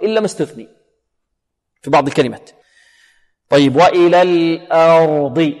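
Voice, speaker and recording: A man teaching Quran recitation rules. He asks questions, answers them himself, and slowly models syllables for the class. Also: a little high, a little mellow. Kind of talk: tajweed lesson. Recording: long hall reverb.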